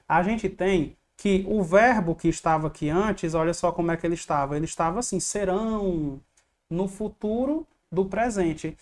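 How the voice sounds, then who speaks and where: A woman's voice: medium pitch, darkish tone. A woman teacher walking students through exam questions in an online review lesson, explaining step by step and checking in often. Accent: Brazilian Portuguese.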